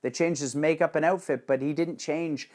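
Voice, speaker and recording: A man delivering a profane, sarcastic ranting monologue with animated swings in energy. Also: a little high, normal speed.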